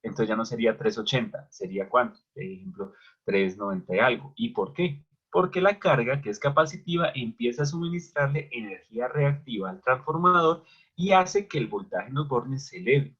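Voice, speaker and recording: In an online lecture at a whiteboard, a man teaching electrical machines keeps asking questions and answering them himself. His voice is mid-range, moderately paced, a bit bright and husky, in a dull lo-fi recording.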